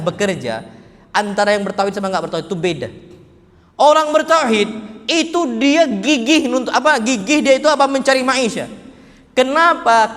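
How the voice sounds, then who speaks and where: A man's voice: very high voice, sharp tone, in a large hall. A man teaching an Islamic study class in casual Indonesian, asking his listeners questions and answering them himself, and quoting Arabic phrases. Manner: calls listeners "Pak" and "antum". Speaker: ustadz teaching a religious book study.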